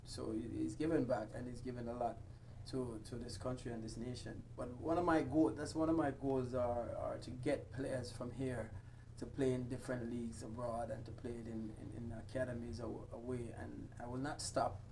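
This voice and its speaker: A man's voice: medium pitch, level tone, moderate pace, mellow. A man, a football coach guest on a radio sports show, speaking in an emphatic, determined way. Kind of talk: radio interview. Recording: distant mic with clear background noise.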